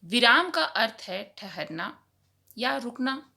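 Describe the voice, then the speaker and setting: A woman teaching a grammar lesson to young children, speaking slowly and deliberately as she explains examples. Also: fairly high pitch, big pitch swings, vocal fry, pushed and bright. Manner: slow, deliberate teacher talk addressing children. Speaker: primary school teacher.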